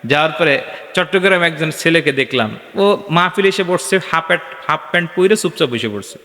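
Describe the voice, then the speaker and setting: A male preacher giving an animated sermon at a gathering, asking the crowd questions and chanting verses in a sung tone. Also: on the high side, fairly quick. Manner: animated, asks the crowd questions and calls for responses. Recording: echoey hall with long reverb.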